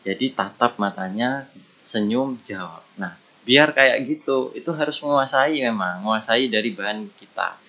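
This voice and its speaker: A man's voice: medium pitch, normal speed, pushed and bright, lo-fi sound. A man gives casual career advice as a podcast guest, earnest and meandering, often restarting his sentences.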